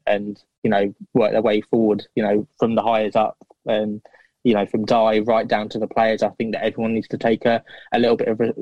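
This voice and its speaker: A man's voice: lowish voice, dark tone, no room sound, dull audio. A man giving interview answers as a football fan, earnest and hesitant. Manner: earnest, hesitant, many fillers and restarts.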